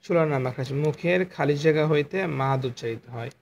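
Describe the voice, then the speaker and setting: A male Quran teacher with a fairly high voice gives a patient lesson on letter sounds, drawing each one out and repeating it. He speaks into a phone, and a faint hiss sits under his voice. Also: fast, darkish tone, lo-fi sound. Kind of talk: online lesson on letter articulation.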